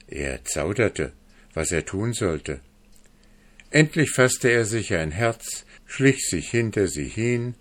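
A male storyteller reads a fairy tale aloud at a very slow, measured pace. His voice sits low and calm. He keeps an unhurried read-aloud delivery throughout.

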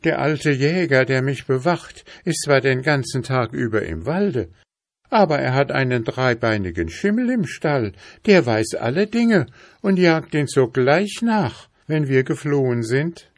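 Storybook princess, high and fretful, voiced by a man. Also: lively intonation, unhurried, no room sound, clean studio sound. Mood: worried. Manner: sad, worried. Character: princess, young woman, anxious and sad.

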